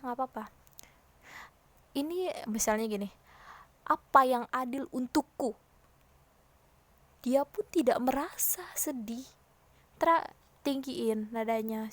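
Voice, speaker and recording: A woman teacher giving a casual lesson, lively, acting out example lines loudly and in hushed tones. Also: fairly high pitch.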